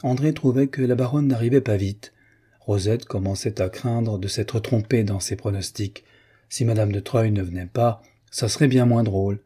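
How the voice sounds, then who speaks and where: A man reading a classic novel aloud as an audiobook narrator. His voice is low and husky, with a dark, mellow tone. He keeps a measured, even pace.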